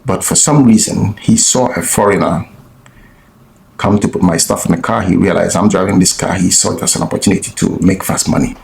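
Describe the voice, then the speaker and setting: A man's voice: low voice, fairly quick, creaky, darkish tone, echoey room, rough recording. A man vlogging, telling a story in a blunt, profane way with lots of restarts. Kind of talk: casual storytelling monologue.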